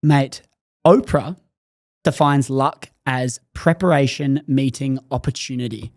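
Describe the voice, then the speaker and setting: A man's voice: mid-range voice, a little slow, darkish tone, no echo, clean studio sound. A man hosting a podcast interview, chatty and thinking aloud with plenty of fillers. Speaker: podcast host. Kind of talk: casual interview.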